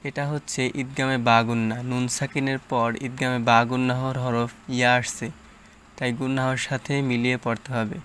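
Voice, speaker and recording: Male Quran teacher, patient syllable-by-syllable tajweed lesson, monotone delivery. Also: medium pitch, slight background noise. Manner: slow, patient, drawn-out syllables with explanations.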